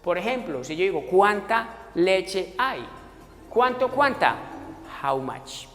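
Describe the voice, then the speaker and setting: A male English teacher walks his students through grammar step by step, addressing them warmly as a group. His voice rings with a long echo in the room, and faint music plays underneath. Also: high voice, sing-song, takes it slowly. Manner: explains step by step, addressing students as muchachos and voicing their questions. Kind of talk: recorded classroom lesson.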